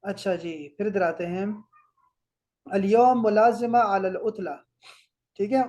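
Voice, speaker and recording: Brief: Pakistani man, Arabic teacher checking homework, repeats words slowly. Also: high voice, fairly even intonation, a little mellow. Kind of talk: correcting homework in class.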